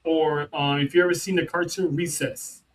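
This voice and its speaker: A man co-hosts a relaxed podcast, chatting casually. His voice sits a bit high for a man and jumps around with animated energy, often doubling up his words. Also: moderate pace, low-quality recording. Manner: animated, repeats words, laughs. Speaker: podcast co-host. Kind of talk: casual chat. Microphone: remote call setup.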